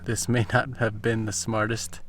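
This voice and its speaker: A man's voice: fairly low pitch, little pitch movement, unhurried, fairly bright tone. A man hosting a casual hiking vlog outdoors on a mountain trail, chatty and out of breath from the climb. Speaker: host, photographer.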